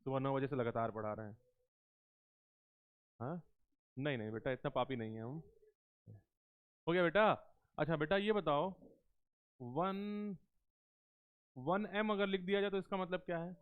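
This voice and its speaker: A man teaching chemistry in a live class, coaxing students with questions and slowing down to dictate terms word by word. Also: fairly high pitch, clear, resonant tone. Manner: coaxing, keeps asking students questions and calls them beta. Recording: tinny phone-like lecture recording.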